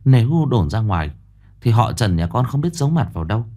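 Man voicing a calm, composed young bride. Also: medium pitch. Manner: calm, polite, measured. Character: young woman, calm composed daughter-in-law.

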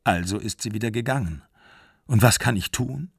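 Voicing a desperate young mother, a male narrator lets her fear pour out in earnest pleading. He reads at normal speed and a steady, literary pace in a lowish, gravelly voice, recorded close, dry and deadened with no echo.

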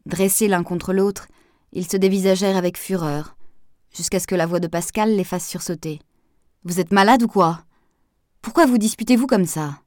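A woman narrates a novel in a steady, measured storytelling manner. Her voice is low and sits close and dry, with no room sound at all. The pacing stays even from line to line. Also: no echo. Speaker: audiobook narrator. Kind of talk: scripted narration.

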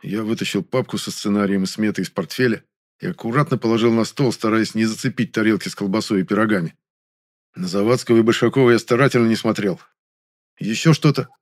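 A man's voice: on the low side, fast. Man narrating a first-person audiobook.

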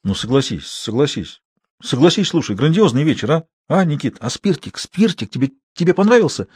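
A man's voice: on the high side, sing-song, fairly quick, darkish tone, husky, no echo, studio quality, voice pushed up, exaggerated voice. A man doing a fussing embarrassed young man. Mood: coaxing. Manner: mutters, repeats words.

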